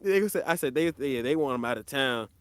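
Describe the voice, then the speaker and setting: A man's voice: mid-range voice, fast. A man co-hosting a casual anime podcast, recapping episodes and acting out the characters' lines as he goes. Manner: animated, acts out characters' lines mid-recap. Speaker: podcast co-host.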